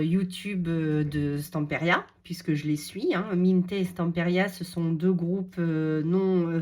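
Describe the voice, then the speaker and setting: Femme française, enthousiaste et lente. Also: female voice, on the low side, a little mellow. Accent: French. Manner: gushing, repeats words, many fillers. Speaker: crafting vlogger showing a haul. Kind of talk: casual unboxing chat.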